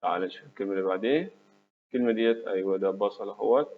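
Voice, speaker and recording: A man's voice: on the low side, rapid-fire. A man with an Egyptian Arabic accent, teaching English words to children, saying each word for them to repeat and praising them. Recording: tinny phone-like recording with faint hum.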